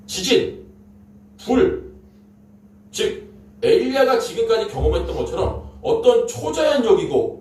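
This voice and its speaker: A man's voice: sits high, a little mellow. A man preaching a sermon, telling the story dramatically and emphatically with repeated phrases. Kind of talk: Korean sermon. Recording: echoey room, distant mic, faint noise.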